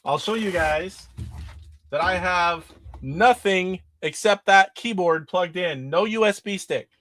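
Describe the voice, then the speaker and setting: On a casual live stream, a middle-aged retro gaming show host rambles while demonstrating games live. He's sick and nasal, his voice beginning to give out. It sits high and a bit bright, delivered slowly in a dry recording.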